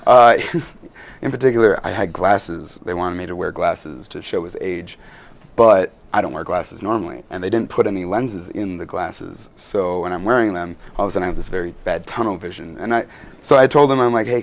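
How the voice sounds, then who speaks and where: A man's voice: sits low, fairly quick, gravelly. A young man, a student actor, answering interview questions in an earnest, rambling way with many fillers.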